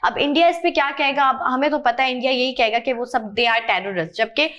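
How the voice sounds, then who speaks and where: Woman, talk show host, high pitch, earnest. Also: moderate pace, a bit bright.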